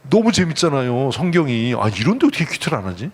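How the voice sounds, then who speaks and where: A man preaching a lively, conversational sermon as pastor, teasing his congregation and acting out the voices in the story. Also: mid-range voice, fast talker. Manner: playful, teasing, acts out God's voice and the congregation. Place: church sanctuary.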